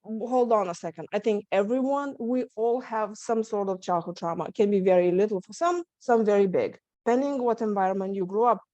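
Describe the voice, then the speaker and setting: A stress management coach from Lithuania, speaking with a Lithuanian accent, shares her story earnestly as an interview guest, restarting often and giving small laughs. Her mid-range, mellow voice moves fairly quickly with hardly any pauses. It's a candid video call from home, recorded on the call's mic, muffled but with no room sound.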